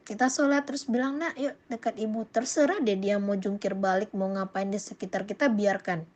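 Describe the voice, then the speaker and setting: A woman giving an informal Islamic parenting talk and answering viewer questions. She hesitates often, with many fillers and self-corrections, and grows animated when voicing examples. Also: medium pitch, brisk, muffled recording.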